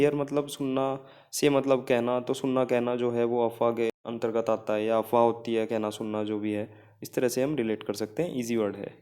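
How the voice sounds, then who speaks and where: A man's voice: medium pitch, a little mellow. A man with an Indian accent teaching English vocabulary for exam prep, explaining memory tricks and repeating key phrases.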